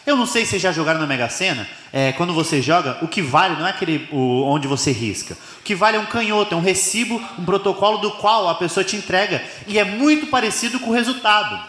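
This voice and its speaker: A man's voice: high-pitched, animated, fast, a bit bright. A man with a Brazilian accent doing live stand-up, telling a story and acting it out with animation. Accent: Brazilian Portuguese. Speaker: stand-up comedian. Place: stage before an audience. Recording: echoey live venue with noise.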